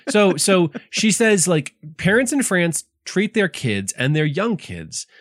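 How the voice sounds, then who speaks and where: A man co-hosting a casual chat, explaining a book in an animated way with many fillers and restarts. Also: high voice, slow pace, dry recording, studio quality. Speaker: podcast co-host presenting a book.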